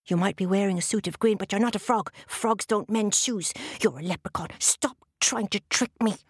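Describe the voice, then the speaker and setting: A woman's voice: mid-range voice, breathy edge, no room sound, studio quality, lightly acted. A woman voicing a determined, stubborn little girl who talks firmly and insistently. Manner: firm, insistent, slow and deliberate.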